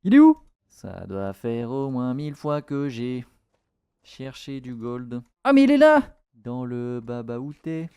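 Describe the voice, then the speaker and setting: Male game streamer, unhurried goofy chatter, wildly animated pitch, shrieks and made-up babble. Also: clear, resonant tone, dry recording, studio quality. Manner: bursts into nonsense sing-song syllables and yelps; loud shrieks and squeals. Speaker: gaming streamer.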